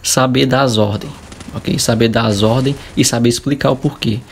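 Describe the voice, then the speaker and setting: A man's voice: medium pitch, steady tone, normal speed, creaky, a little hiss or hum. A young Brazilian man coaching gamers in a casual advice vlog, chatty and full of tag questions. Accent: Brazilian Portuguese. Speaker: gaming coach.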